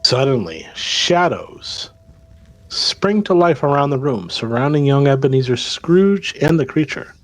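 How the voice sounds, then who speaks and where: A man's voice: mid-range voice, sing-song, measured pace. A man narrating a tabletop role-playing game as game master, mixing story narration with casual rules talk.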